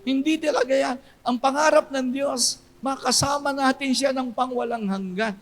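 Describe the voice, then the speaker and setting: Emphatic high-voiced pastor preaching. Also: male voice, fairly even intonation, moderate pace. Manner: emphatic preaching, swinging between loud cries and low hushed storytelling. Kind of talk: sermon.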